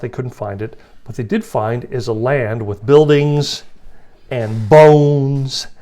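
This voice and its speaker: A man's voice: medium pitch, darkish tone. Male scripture teacher, casual and chatty, mid-range voice, playful paraphrasing.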